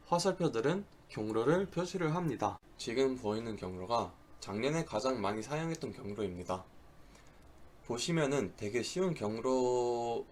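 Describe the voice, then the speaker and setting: A man speaks at a medium pitch as an instructor presenting a lesson. He is not a native speaker of Korean. His delivery is halting, and he now and then slips on a word and says it again. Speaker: diving instructor giving a lecture.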